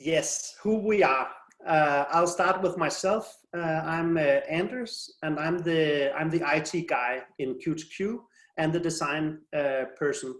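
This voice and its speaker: A middle-aged man giving an online presentation as a presenter, speaking in a halting, hesitant way. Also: on the high side, fairly bright tone. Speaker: presenter, IT and design specialist. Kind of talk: online presentation, interpreted in pauses. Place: indoor room on a video call. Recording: roomy, echoey video-call sound.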